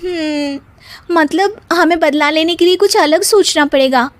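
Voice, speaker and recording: Woman acting young cartoon daughter-in-law, extremely high squeaky voice, timid, cheeky, whiny, pert. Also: a little slow. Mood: doubtful. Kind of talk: Hindi cartoon story voice acting.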